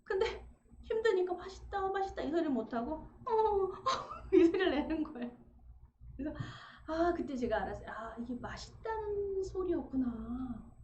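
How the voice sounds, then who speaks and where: A woman preaching a sermon, telling family stories with lively acted-out dialogue. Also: high-pitched, normal speed, roomy sound, highs cut off, slight background noise. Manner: animated storytelling, acting out family dialogue. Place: church sanctuary.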